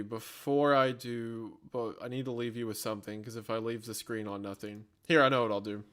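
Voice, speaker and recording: A man with a Southern US accent chatting casually on a live stream, rambling and self-mocking. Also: medium pitch. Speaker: streamer and podcast host.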